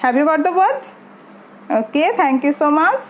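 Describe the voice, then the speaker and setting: A Bangladeshi woman teaching English to young pupils in an online class, speaking in a drawn-out way and switching between English and Bengali. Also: sits high, very animated. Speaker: primary school English teacher.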